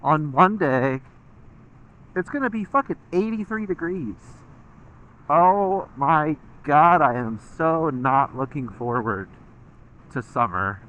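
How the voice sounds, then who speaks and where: A man's voice: mid-range voice, animated, unhurried, bright, forceful tone, muffled recording. An American man from the Midwest chats casually while riding a motorcycle, rambling along and swearing freely as a vlogger.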